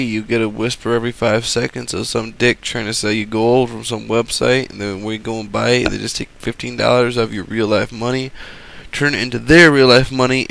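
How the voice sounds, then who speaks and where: A man's voice: medium pitch, creaky, a bit bright. A man giving casual game commentary as a voice-over, rambling, profane and sarcastic.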